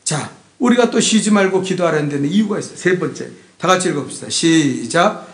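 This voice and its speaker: A male pastor delivers a Sunday sermon in a church sanctuary, his high, lively voice leaping up and down at a slightly fast pace. He shifts from loud, emphatic exhortation to hushed asides, prodding the congregation with rhetorical questions. The room rings with echo.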